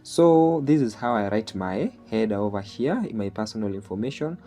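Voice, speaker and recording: Speaking at normal speed in a lowish, animated, mellow voice, the Kenyan tutorial host explains an online jobs screen share one step at a time. He's a native Swahili speaker with a Kenyan accent who often tags phrases with "okay?"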